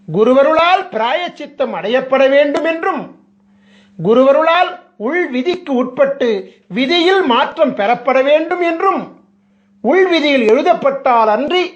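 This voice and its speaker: A man with a very high voice gives a solemn devotional discourse as a spiritual teacher. He speaks very slowly and deliberately, putting rhetorical questions to his listeners. The recording is muffled and lo-fi.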